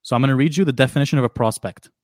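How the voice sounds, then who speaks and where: A man co-hosting a sports podcast in casual chat, sometimes reading text aloud in a flat, measured way. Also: mid-range voice, no room sound, studio quality. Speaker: podcast co-host.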